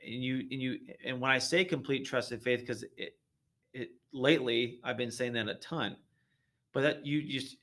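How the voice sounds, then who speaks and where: A man's voice: mid-range voice, a bit bright. A man guesting on a podcast, talking earnestly about faith in a preachy way with many restarts.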